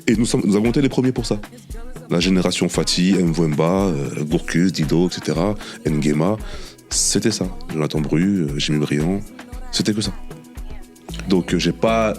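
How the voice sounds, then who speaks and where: A former professional footballer chatting as a guest, telling animated anecdotes and repeating himself often. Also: male voice, sits low, normal speed, faint music behind. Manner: animated anecdotes with many repetitions and "tu vois". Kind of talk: casual storytelling interview.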